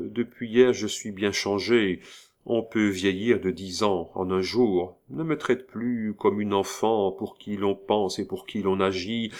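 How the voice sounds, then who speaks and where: A man's voice: fairly low pitch, a little mellow. A man reading the part of a determined young woman in a novel, speaking firmly and steadily. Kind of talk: read-aloud novel dialogue.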